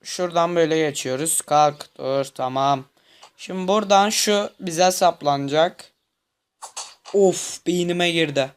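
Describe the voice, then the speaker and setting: This gameplay commentator is a young man who mutters to himself as he plays, tense and easily annoyed. His voice is a little high with a clean tone, and he keeps a measured pace.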